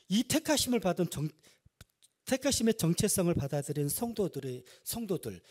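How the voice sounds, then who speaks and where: A man's voice: on the high side, a little mellow. A male pastor preaching a Sunday sermon, building emphasis and asking the congregation rhetorical questions. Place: church sanctuary.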